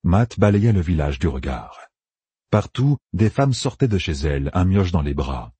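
A man narrating a fantasy audiobook with expressive storytelling. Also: low voice, normal speed, slightly rough, no echo. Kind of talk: scripted narration.

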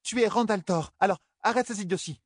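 A man's voice: sits high, fairly quick, husky, no room sound, studio quality, pitched above the performer's own voice. A man voicing an anxious young village woman, speaking in a reproachful, pleading way.

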